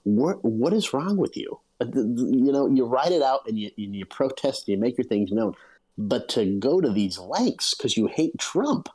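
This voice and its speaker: A man's voice: mid-range voice, very animated, moderate pace, mellow, low-quality recording. A man co-hosting a casual podcast chat, talking in emphatic, incredulous bursts. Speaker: podcast co-host.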